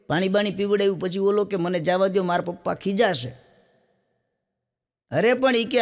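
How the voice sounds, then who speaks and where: High-voiced Saurashtra joke-teller. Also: male voice. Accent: Saurashtra Gujarati. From Saurashtra, Gujarat. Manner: folksy storytelling with punchline asides. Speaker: stand-up comedian. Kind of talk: Gujarati stand-up jokes. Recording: long hall reverb.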